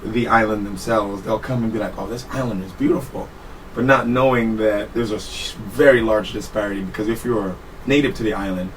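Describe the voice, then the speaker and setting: Male guest, 30s, from Trinidad and Tobago, low voice, easygoing storyteller, recorded from a distance with faint hiss. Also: brisk. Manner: relaxed, laughs often, self-correcting. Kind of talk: casual interview storytelling. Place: studio. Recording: distant mic with faint room noise.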